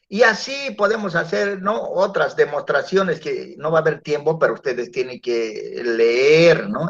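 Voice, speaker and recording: A male teacher with a slightly high, sharp voice gives a classroom lecture, often checking in with students through tag questions. The recording is dull and lo-fi.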